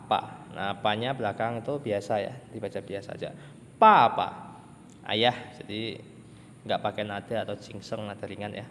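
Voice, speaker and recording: A man's voice: on the low side, vocal fry, a bit bright, long reverb tail, slight background noise. A man teaching a class, patiently repeating new words and their tones with many fillers. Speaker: Mandarin teacher. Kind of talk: online class lesson.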